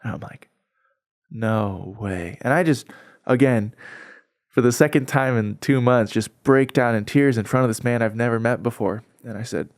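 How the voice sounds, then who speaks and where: A man's voice: mid-range voice, normal speed, no echo, studio quality. A young adult man, a podcast guest, telling his personal faith story in an earnest, heartfelt, conversational way, often saying "like".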